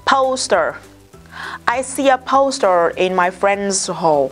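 Vietnamese-accented female English teacher, careful slow drills, brisk asides, faint music bed. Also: mid-range voice, lively intonation. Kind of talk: vocabulary pronunciation lesson.

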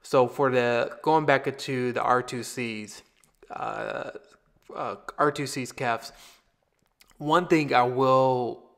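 Male vlogger, mid-pitched, casual rambling product review with frequent restarts. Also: fairly even intonation, slow, gravelly, a bit bright. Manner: rambling, repeats himself, restarts phrases. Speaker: tech reviewer.

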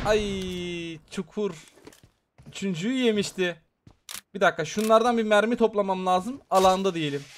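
A gaming streamer man with a fairly high voice calls out his match in rapid, excitable bursts. He talks straight to his viewers the whole time, and a faint noise sits under the recording. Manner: excitable, chatty, talks to viewers while playing. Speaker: gaming YouTuber. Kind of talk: live mobile game commentary.

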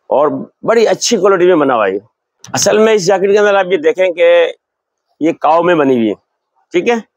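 An older Pakistani man who owns a leather shop explains his goods in a sales demonstration, showing items as he talks. His voice is a little high, and the lapel mic in the large shop gives a dry, lo-fi recording.

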